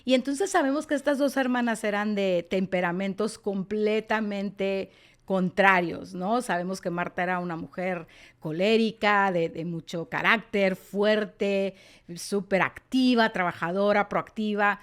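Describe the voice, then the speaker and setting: A woman's voice: medium pitch, a little slow. A woman teaching a Bible lesson, telling the story earnestly and expressively and reading scripture aloud.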